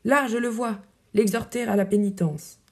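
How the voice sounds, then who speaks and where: A woman's voice: medium pitch, steady tone, normal speed, lightly acted. A woman voicing an affectionate noblewoman who chides lightly and fondly, reading verse drama. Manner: light, fond scolding. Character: noblewoman, affectionate, chiding, devoted widow.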